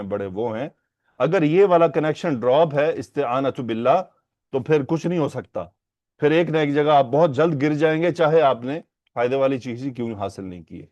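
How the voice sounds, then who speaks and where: A man's voice: medium pitch, darkish tone, no echo, lo-fi sound. Man teaching a religious text, dry sound. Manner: explains slowly, repeating Arabic phrases and asking rhetorical questions. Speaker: hadith teacher. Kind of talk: Urdu lesson on Arabic hadith grammar.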